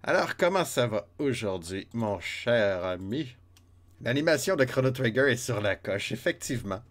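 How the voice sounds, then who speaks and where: This expressive, medium-pitched man streams a retro game live in a Québécois French accent, keeping a normal speed as he mutters step counts and talks with the people watching.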